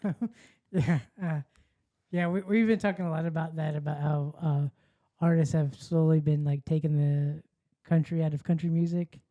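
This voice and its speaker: Woman chatting, low mellow dark voice, rambles with uh and like, dull lo-fi sound. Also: fairly even intonation, normal speed, no echo. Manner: rambling with fillers. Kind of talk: casual chat.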